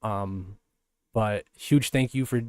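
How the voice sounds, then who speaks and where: A man's voice: fairly low pitch, takes it slowly, a little mellow, clear, resonant tone, no echo, studio quality. A man hosting a podcast, talking in a loose, rambling way with many fillers and restarts. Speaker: podcast host. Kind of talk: casual podcast monologue.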